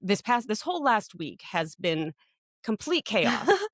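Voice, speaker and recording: A woman co-hosting a casual podcast speaks at normal speed in a medium-pitched voice with big pitch swings. Her story wanders, packed with fillers and restarts, and the studio sound is clean without echo.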